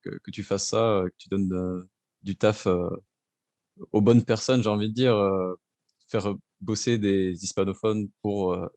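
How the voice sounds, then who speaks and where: A man interviewing a guest in a casual, hesitant, halting way. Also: fairly low pitch, fairly even intonation, darkish tone, no room sound.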